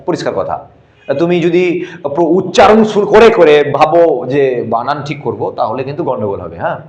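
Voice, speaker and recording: A man's voice: a little high, darkish tone, dull audio. A man teaching a geography class, spelling out terms letter by letter and drilling the students. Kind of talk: classroom lecture. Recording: echoey room.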